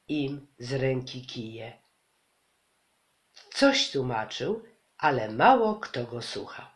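A man reading a children's story aloud with expressive, dramatic storytelling. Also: on the high side. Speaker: narrator.

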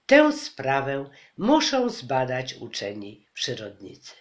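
A man's voice: medium pitch, wildly swooping pitch, slow. A man reading aloud and voicing an earnest nature teacher who explains things to a crowd.

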